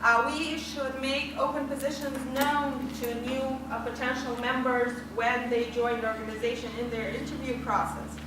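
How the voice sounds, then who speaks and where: Brisk woman presenting in an echoey room. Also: sits high, fairly even intonation. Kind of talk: group presentation. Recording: echoey room from far off with noise.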